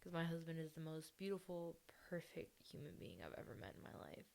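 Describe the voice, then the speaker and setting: A young adult woman talks frankly into her own podcast, blunt and full of swearing. Her voice sits on the low side, with a gravelly, fry-laden texture. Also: sing-song, brisk, a little mellow. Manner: blunt, heavily profane venting. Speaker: podcast host. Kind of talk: candid personal monologue.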